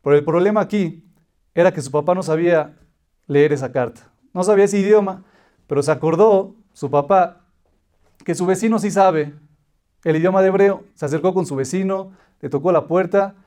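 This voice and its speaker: A man with a fairly high voice teaches a Torah lesson. He tells a parable and explains it patiently, stacking short repeated phrases one after another. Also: normal speed, pauses often, mellow. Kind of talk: religious lesson with a told parable.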